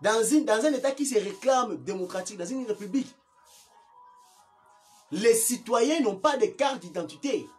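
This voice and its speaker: A man's voice: very high voice, expressive, moderate pace, pauses often, soft background music. A man with a Congolese accent who slips into Lingala, giving his opinion in an impassioned way, repeating and stressing his points. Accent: Congolese (Kinshasa), mixing in Lingala. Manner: emphatic and repetitive, stressing words over and over.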